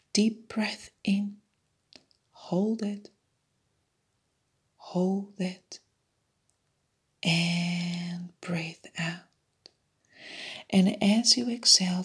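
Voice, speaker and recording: Very slow whispering woman, breathy. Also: fairly low pitch. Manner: soft unvoiced whisper, soothing repeated suggestions. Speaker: meditation guide. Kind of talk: whispered guided hypnosis meditation.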